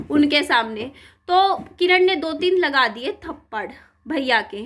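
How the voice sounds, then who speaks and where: Young female vlogger, high sharp voice, indignant storyteller. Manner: animated, indignant retelling with rhetorical questions. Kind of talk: casual storytelling vlog.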